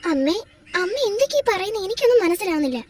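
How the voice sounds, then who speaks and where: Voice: very high voice, sing-song, rapid-fire, a little mellow. A performer voicing a bewildered young wife in a home-made doll drama, pleading in confusion and close to tears. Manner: pleading, confused, rising to tearful.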